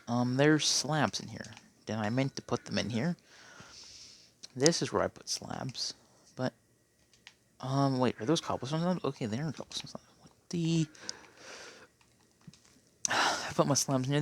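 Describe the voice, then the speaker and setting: A man giving casual, rambling gameplay commentary, with a phlegmy throat and a habit of tacking on "okay?". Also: mid-range voice. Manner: rambling, keeps clearing his throat, tacks on "okay?". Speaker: Minecraft player.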